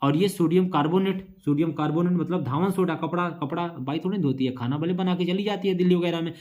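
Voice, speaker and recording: Young man, science teacher, exam revision, asks and answers himself, casual asides, slightly high voice. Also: quick pace, a little mellow. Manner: casual, chatty asides with memory tricks.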